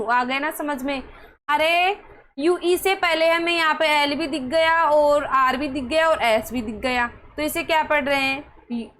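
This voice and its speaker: A woman's voice: high voice, a bit bright, rough recording. A woman teaching English pronunciation rules, who keeps asking her students questions and then answers them herself. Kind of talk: explaining spelling rules to students.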